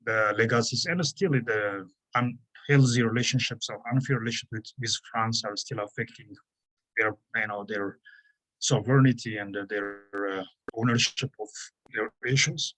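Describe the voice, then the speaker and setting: A man from Ethiopia, giving an academic conference presentation in a halting way, often pausing on "you know" and restarting his phrases. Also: medium pitch, fairly bright tone, rough recording. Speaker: conference panelist.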